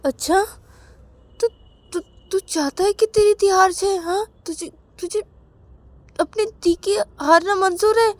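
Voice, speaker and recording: A stubborn, possessive older sister in a spoken storybook, insisting over and over and pressing for answers, as a woman storyteller plays her. Her voice is high. It is recorded close and dry. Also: unhurried, pauses often, no echo. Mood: reproachful. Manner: insistent, repeatedly demanding "haan?".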